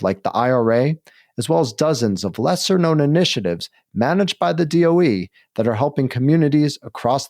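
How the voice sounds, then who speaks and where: A man's voice: mid-range voice, a little mellow. A man hosting a climate podcast, reading his intro and asking interview questions in an upbeat way. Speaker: podcast host.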